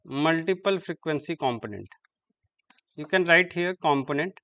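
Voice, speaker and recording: A man giving a classroom lecture, halting and repeating terms as he writes on the board. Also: fairly high pitch, expressive, fairly bright tone, clear, resonant tone, lo-fi sound.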